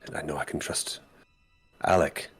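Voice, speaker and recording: A man voicing a brooding, paranoid vampire lord who mutters quietly in a half-whisper during a tabletop game. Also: moderate pace, close to an everyday voice. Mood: muttering, tormented.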